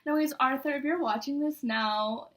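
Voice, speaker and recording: A woman's voice: sits high, moderate pace, crowd noise. A young woman chatting casually to viewers as she reads aloud from an old diary, embarrassed and poking fun at herself. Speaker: vlogger.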